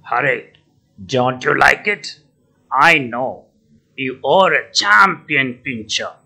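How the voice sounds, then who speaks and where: A teasing sea crab who laughs at a bully, voiced by a man for a school puppet play. His husky voice moves slowly and swoops widely. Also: mid-range voice, expressive, pushed and bright, exaggerated voice. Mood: mocking. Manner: mocking, teasing. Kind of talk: school puppet show voice acting.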